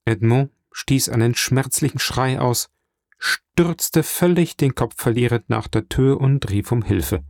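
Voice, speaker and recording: Give me a man narrating an audiobook, measured and even, in a dry close sound. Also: mid-range voice, vocal fry, no echo. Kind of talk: scripted narration.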